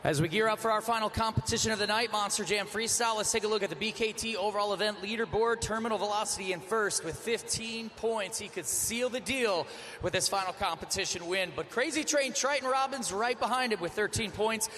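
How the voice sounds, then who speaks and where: A man's voice: sits high, fairly quick, bright, forceful tone. A man working as an event announcer, calling out sports results with energy. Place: large indoor arena. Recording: noisy live arena sound.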